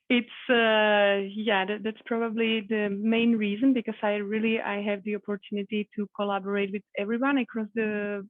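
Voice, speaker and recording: Give me a woman guest speaking flatly over a dry, tinny line. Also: mid-range voice, no room sound. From Czech Republic. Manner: hesitant, many fillers, laughs softly. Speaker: guest, communications manager. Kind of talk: interview. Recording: tinny phone-like remote call.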